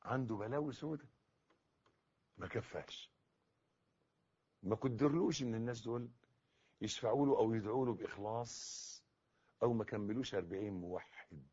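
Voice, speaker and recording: Husky Egyptian preacher, hushed to booming. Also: male voice, moderate pace, long pauses. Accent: Egyptian Arabic. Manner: swings from hushed to loud, emphatic. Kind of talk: sermon. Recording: dull lo-fi recording.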